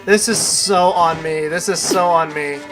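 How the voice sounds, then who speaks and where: Her voice sits on the low side, steady and a little slow, and the audio is poor, with game music behind it. This woman streamer offers casual live gaming commentary, muttering and bursting out in exasperation as she blames herself and repeats her words.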